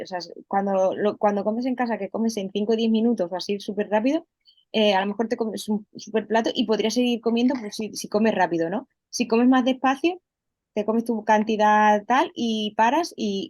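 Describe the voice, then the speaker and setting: A woman's voice: medium pitch, darkish tone, no echo. A woman coach explaining things in a casual interview, with many fillers and restarts. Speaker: holistic health coach, guest. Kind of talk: conversational interview.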